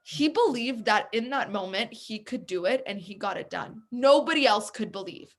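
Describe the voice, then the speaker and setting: Woman chatting on a podcast, fairly high voice, acts out her stories. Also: normal speed. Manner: animated storyteller who acts out voices. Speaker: podcast guest. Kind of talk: casual conversation.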